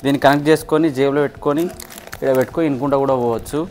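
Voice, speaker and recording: A man with a Telangana Telugu accent vlogs casually while demonstrating a gadget, explaining it step by step to his friends with examples. His mid-range voice is steady, a little mellow and very fast. There is slight background noise.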